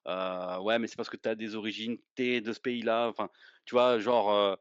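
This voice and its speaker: A man with a low-pitched voice talks football in a loose, rambling way, hesitating and repeating himself. The sound is dull and muffled, like a remote call, and his voice sits dry and close. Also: steady tone, a little fast, clear, resonant tone, dry recording. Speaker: podcast co-host. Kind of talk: casual football chat.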